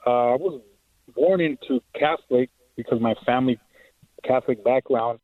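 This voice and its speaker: A man's voice: medium pitch, no room sound. Hesitant male caller on a tinny phone line. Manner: hesitant, halting, many fillers. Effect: heard over a phone line. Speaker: radio show caller. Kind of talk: call-in question.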